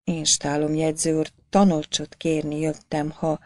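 A woman voicing a poor, humble peasant man who speaks quietly and stammers in shame. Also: low-pitched, monotone, no room sound, clean studio sound, lightly acted.

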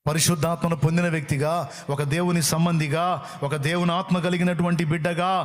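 A man's voice: on the high side, level tone, brisk. Fervent male pastor preaching. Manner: fervent preaching with repetition and rising calls. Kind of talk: sermon.

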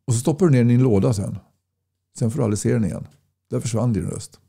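A man's voice: medium pitch, gravelly, mellow, husky. A man campaigning in casual talk to camera, blunt and folksy, pressing his points with repeated rhetorical questions. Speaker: political campaigner. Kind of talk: casual direct-to-camera talk reading viewer comments.

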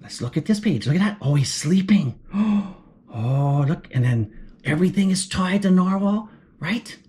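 Here a woman with a lowish, dark, expressive voice reads a picture book to children at a moderate pace. Turning each page, she gasps with surprise and quizzes her young audience.

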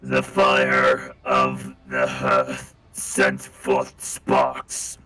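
A man voicing a tortured, delirious male tech-priest through a robot voice changer, intoning slowly and cryptically. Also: rumbling low, completely flat delivery, bright, forceful tone, voice pushed down, heavily acted. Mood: cryptic. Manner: slow, solemn, cryptic intoning.

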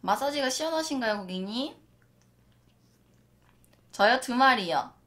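A young woman talks to her cats in a cooing, mock-polite way, as if she were a masseuse serving customers. Her voice sits high and swings widely up and down. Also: animated, unhurried, fairly bright tone. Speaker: pet vlogger. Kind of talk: playful chat to her cats.

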